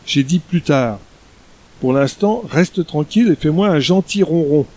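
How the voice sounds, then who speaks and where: A man's voice: fairly high pitch, lively intonation, a little slow, mellow. A man reading an audiobook, voicing an imperious woman ruler who talks down to her caged pet in a cooing yet commanding way.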